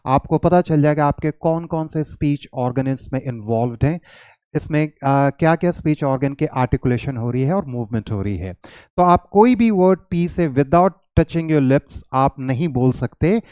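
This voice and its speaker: A patient, slightly high-voiced male teacher. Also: moderate pace, darkish tone, clean tone, no echo. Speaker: English pronunciation teacher. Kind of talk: spoken lesson mixing Hindi and English.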